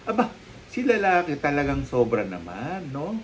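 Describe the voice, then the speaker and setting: A man chatting casually as a guest on a live talk show, telling lively anecdotes and acting out the people in them. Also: on the high side, normal speed, slight background noise, rough recording. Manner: lively storytelling, acting out quoted people, frequent laughs. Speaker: guest storyteller, psychic. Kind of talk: casual chat, animated anecdotes.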